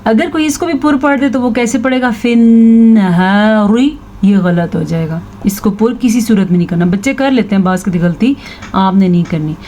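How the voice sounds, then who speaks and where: A woman teaching tajweed, slowly reciting verses and patiently explaining how each letter is pronounced. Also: medium pitch, animated, a little mellow. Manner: slow, drawn-out recitation of verses between quick spoken explanations; patient, instructive, repeats each word to correct common mistakes. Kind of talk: tajweed lesson with recited examples.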